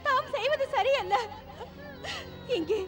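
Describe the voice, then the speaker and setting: An actress dubbing a distressed queen pleading tearfully in a mythological TV drama, with loud music behind. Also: extremely high pitch, animated, slow pace, a crowd in the background, exaggerated voice.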